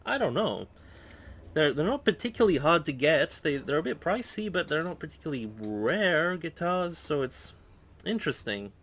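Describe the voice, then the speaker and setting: A man's voice: on the high side, big pitch swings, moderate pace, a bit bright. A man in casual unboxing chatter, rambling with lots of restarts and musing aloud, recorded indoors at home. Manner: rambling and chatty, with frequent restarts and self-corrections. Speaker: vlogger unboxing a guitar.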